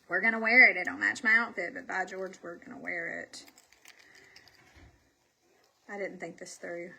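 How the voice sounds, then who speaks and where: A woman with a Southern US accent and a stuffy, congested voice chats casually while doing her makeup on a livestream where she sells makeup, sounding folksy and self-deprecating. Her voice is a little high, bright and forceful. A little hiss or hum is audible.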